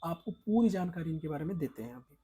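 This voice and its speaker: A man's voice: fairly high pitch, expressive, fast talker, warm tone, husky. A male teacher giving an exam preparation lesson, talking emphatically and coaxing students, repeating his points with rising and falling stress.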